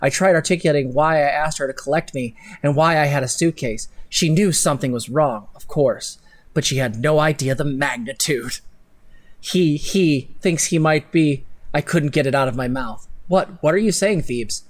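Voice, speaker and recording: At a computer in an indoor room, a co-host on a live stream reads text aloud with theatrical, sarcastic mock drama, stopping for casual, sweary asides. His voice is mid-range and his pace moderate.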